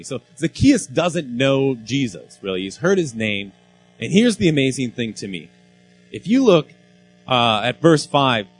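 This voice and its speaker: A man preaching an informal sermon, talking casually and animatedly with frequent restarts and quick asides to the congregation. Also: on the high side, breathy edge, rough recording. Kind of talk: conversational sermon.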